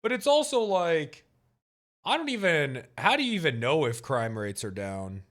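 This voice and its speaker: A man's voice: a little high, sing-song, normal speed, a bit bright. A man in his thirties hosting a casual podcast chat, joking and swearing, often restarting his sentences. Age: 30s. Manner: joking, profane, rambling with restarts. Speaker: podcast host.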